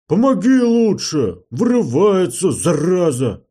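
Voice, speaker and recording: A man reading an audiobook and voicing a hot-tempered male gnome mechanic who shouts and swears, in a husky voice. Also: high-pitched, very animated, slow, pitched above the performer's own voice, heavily acted. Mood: shouting.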